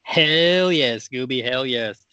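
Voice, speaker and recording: A man's voice: mid-range voice, lively intonation, moderate pace, sharp tone, no echo. A man playing a brash comic co-host on an improvised talk show, with mock-showbiz patter and emphatic delivery. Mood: cheeky.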